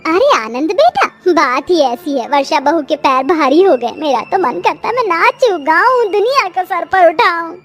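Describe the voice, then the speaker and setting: A woman's voice: very high-pitched, animated, moderate pace, hardly any pauses, a bit bright, faint music behind. A woman doing a scolding cartoon mother-in-law. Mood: doting. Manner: taunting, scolding.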